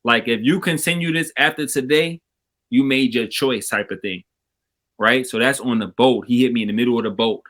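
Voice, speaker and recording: A man's voice: mid-range voice, moderate pace, a bit bright. A man tells his testimony casually over a remote call, acting out the voices he heard in his head. His mic keeps cutting out, so the volume drops and jumps unevenly. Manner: storytelling that acts out quoted inner voices. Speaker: guest sharing his faith testimony. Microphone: remote call microphone.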